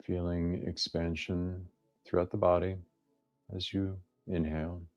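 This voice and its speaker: A male meditation teacher gives gently inviting instructions, leaving long pauses between phrases. His voice is deep and flat, the recording is muffled, and faint music plays behind him.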